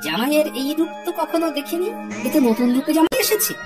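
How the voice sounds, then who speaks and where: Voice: high voice, expressive, quick pace. An actor voicing a shrewd, teasing middle-aged village father-in-law in a cartoon, firm and bargaining. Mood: wry. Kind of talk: cartoon voice acting. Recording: music under the voice.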